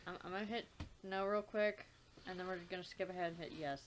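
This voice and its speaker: A woman's voice: on the low side, steady tone, fast talker, slight background noise. A woman casually chatting while playing a visual novel, blunt and swearing often. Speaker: let's play co-host. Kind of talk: casual gameplay chat.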